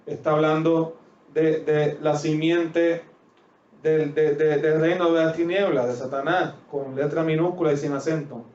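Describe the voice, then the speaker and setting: A male pastor with a Puerto Rican accent preaching a sermon, booming in one phrase and dropping to quiet asides in the next, stretching out the scripture he reads. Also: steady tone. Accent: Puerto Rican Spanish. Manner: drawn-out emphatic scripture reading. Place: church sanctuary. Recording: roomy, distant, dull church audio.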